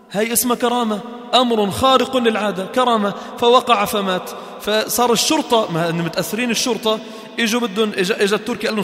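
A man teaching a creed class in a mosque, animated, quoting scripture and bantering with his students. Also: high voice. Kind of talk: mosque study-circle lesson. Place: mosque hall. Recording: echoey hall reverb.

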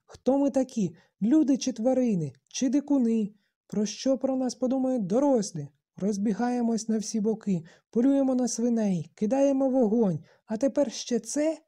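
An audiobook narrator voicing a shrill, fretful plump boy with a husky, dark voice. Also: expressive, normal speed. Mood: indignant.

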